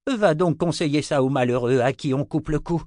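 A man voicing a fiery, stubborn old male wizard in a dry audiobook reading, his pitch pushed up and gruff. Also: normal speed, no room sound, close to an everyday voice. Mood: angry. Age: older.

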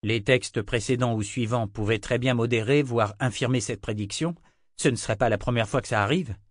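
A man voicing a young seeker who reasons calmly, in an audiobook reading. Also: mid-range voice, fairly quick, no room sound, clean studio sound, close to an everyday voice. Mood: questioning. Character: young male seeker, calm and questioning.

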